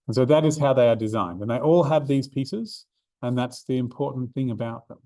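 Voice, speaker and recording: A brisk, warm, mid-range voice belongs to an Australian maths tutor holding a statistics revision seminar in a university classroom. There's no echo, and he speaks casually, restarting often and dropping in plenty of ums.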